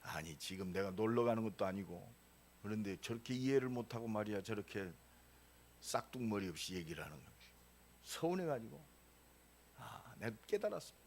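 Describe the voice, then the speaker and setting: A pastor in his sixties preaching a sermon, emphatic with sudden loud rises and casual storytelling asides. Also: lowish voice, sing-song, moderate pace, pauses often, slight background noise. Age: 60s.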